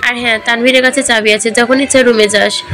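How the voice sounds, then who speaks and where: A woman's voice: fairly high pitch, fairly even intonation, a little fast, music in the background, close to an everyday voice. A woman reading as a stern young man. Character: stern, curt young man, quick to scold.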